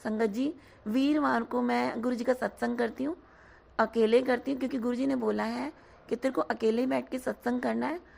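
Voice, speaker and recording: A hoarse woman giving an earnest devotional testimony, often addressing her listeners directly. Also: a little high, fairly even intonation, normal speed, darkish tone. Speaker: devotee sharing a satsang.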